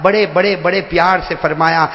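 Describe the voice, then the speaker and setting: This preacher's high, fairly bright voice keeps a fairly even intonation as he delivers a funny sermon to people seated in a big hall. He kids around, teases individuals by name and calls out to the audience, all in a long, echoing reverb.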